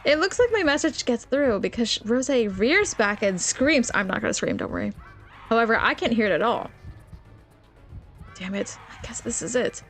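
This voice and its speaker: Playful young woman streamer, high voice. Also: sing-song, normal speed, a bit bright, faint music behind. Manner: chatty, playful, reads dialogue with small voices. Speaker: VTuber streamer. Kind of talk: casual game stream, reading game text aloud.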